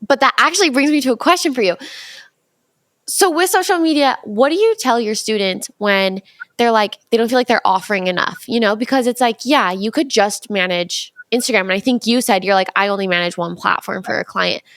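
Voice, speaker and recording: A woman hosting a podcast, chatting casually in quick bursts and agreeing often. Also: fairly high pitch, a bit bright, no echo. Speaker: podcast host.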